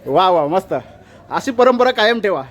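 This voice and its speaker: A man with a high, animated voice vlogs at normal speed while walking through a street festival in the city, chatting, exclaiming and greeting passers-by. A loud street crowd fills the background.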